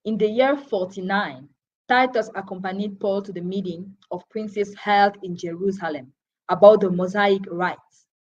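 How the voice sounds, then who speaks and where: A woman giving a live Bible lesson, explaining in a measured way with pauses between phrases. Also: mid-range voice, steady tone, muffled recording. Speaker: Bible teacher.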